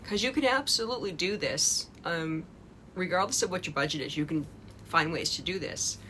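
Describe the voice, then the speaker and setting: A woman chats casually to her camera at home, rambling with plenty of fillers and restarts. Her voice sits a little low but sounds bright and forward. Faint noise hums behind her. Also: moderate pace. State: a little out of breath. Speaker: crochet vlogger. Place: home in Japan.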